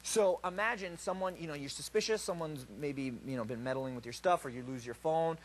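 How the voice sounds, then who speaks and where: Young man, higher-pitched shopping channel presenter. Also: a little fast, a little hiss or hum. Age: young adult. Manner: chatty, animated, rambling. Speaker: product presenter on a home shopping show. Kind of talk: home shopping host banter and demonstration. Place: television studio set.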